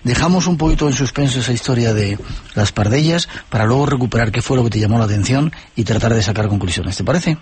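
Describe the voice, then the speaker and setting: A man hosting a late-night radio interview, briskly reading time checks and prompting his guest. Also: mid-range voice, darkish tone. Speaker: radio host.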